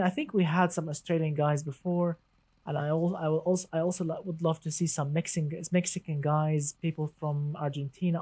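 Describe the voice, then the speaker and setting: A man's voice: on the high side, dark tone. A man hosting a casual gaming live stream, chatty and enthusiastic, greeting viewers and reading the chat aloud.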